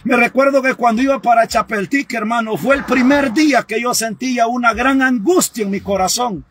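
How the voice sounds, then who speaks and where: A man's voice: extremely high pitch, fairly quick, noisy background. A man giving an emotional testimony sermon, fervent and often crying out, calling his listeners brother. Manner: fervent, repeats "hermano", cries out at times. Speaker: evangelist preacher.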